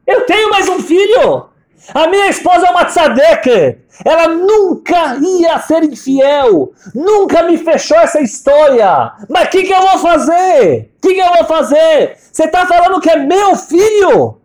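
A man voicing a distraught old father who cries out in anguish, his voice pushed high and strained. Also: big pitch swings, unhurried, darkish tone, heavily acted. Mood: frantic.

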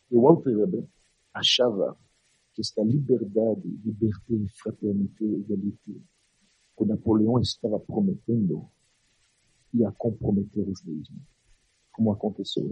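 Husky man preaching with a foreign accent. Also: lowish voice, darkish tone, no echo, poor audio. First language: not Portuguese. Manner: dramatic, emphatic, with pauses and repeated phrases. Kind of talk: religious storytelling sermon.

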